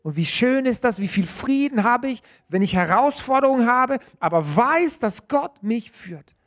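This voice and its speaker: A man in his thirties preaching a sermon in church, earnest and animated, often restarting mid-phrase. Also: very high voice, normal speed.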